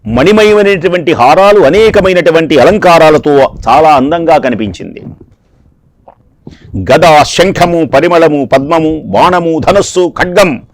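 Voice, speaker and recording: A man's voice: fairly high pitch, lively intonation, unhurried, dry recording. A man giving a devotional discourse, telling a scripture story dramatically and repeating phrases for emphasis. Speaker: discourse speaker.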